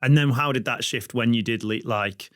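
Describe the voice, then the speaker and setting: A man from Stoke hosting a podcast, asking relaxed questions and backing the guest with steady yeahs. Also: mid-range voice, moderate pace, no echo, clean studio sound. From Stoke-on-Trent, England. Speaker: podcast host. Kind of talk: casual conversational interview.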